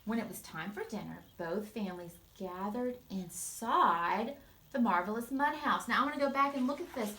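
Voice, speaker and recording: A woman's voice: fairly high pitch, expressive, normal speed, sharp tone, echoey room, slight background noise, low-quality recording. A woman teacher reading a picture book aloud and stopping to explain words to children.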